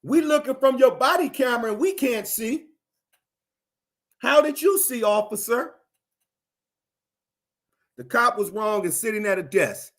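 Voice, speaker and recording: Animated, emphatic high-voiced man. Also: unhurried, long pauses. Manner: animated, emphatic, repetitive phrasing. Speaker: commentator on a livestream. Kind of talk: animated commentary responding to viewers.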